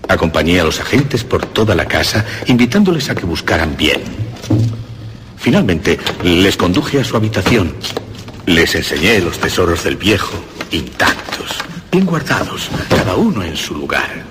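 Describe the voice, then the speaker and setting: A man narrating a dramatic first-person audiobook story, building from calm telling to frantic, laughing shouts. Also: deep voice, normal speed, background noise.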